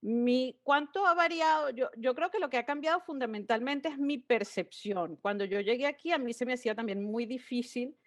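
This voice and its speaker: A woman speaks as a podcast guest, her voice sitting a little higher than most. She talks reflectively, restarting phrases now and then as she works through her thoughts. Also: moderate pace, few pauses. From Venezuela. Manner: reflective, explains at length with small restarts. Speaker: podcast guest, immigrant in Quebec. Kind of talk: casual podcast chat.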